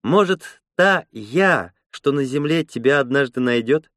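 A man's voice: mid-range voice, lively intonation, measured pace, a bit bright, no room sound, studio quality, voice pushed up. A man voicing a frank, outspoken young woman colonist in an audiobook, teasing and blunt. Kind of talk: audiobook character voice.

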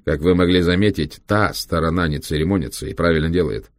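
A man reading an audiobook, voicing a cold, ruthless German male biochemist with a creaky, reproachful voice. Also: sits low, a little fast, no room sound, studio quality. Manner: reproachful, dismissive.

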